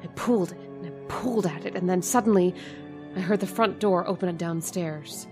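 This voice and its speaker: An actress voices a middle-aged landlady and mother in a tense radio drama, frightened as she narrates her suspicions and stammering nervously when flustered. Her pitch is fairly low, her speed normal, her voice natural, with music underneath.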